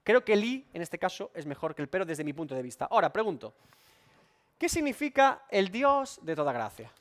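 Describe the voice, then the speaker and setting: Emphatic high-voiced pastor. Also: male voice, sing-song, fairly quick. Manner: emphatic, repeats and rephrases points, asks rhetorical questions. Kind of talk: expository Bible study sermon.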